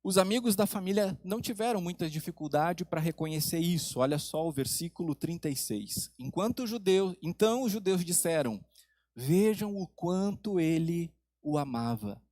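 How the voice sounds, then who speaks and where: Male pastor, high-pitched, dry close-miked delivery; dramatic pauses, soft low emphasis, rhetorical questions. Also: no echo. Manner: asks the congregation questions. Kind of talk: sermon.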